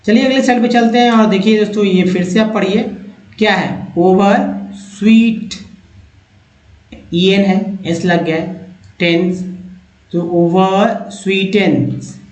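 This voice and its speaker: A man teaching an English spelling and pronunciation lesson, addressing viewers as friends and drilling words slowly, repeating each part. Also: high voice. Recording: roomy, slightly dull sound.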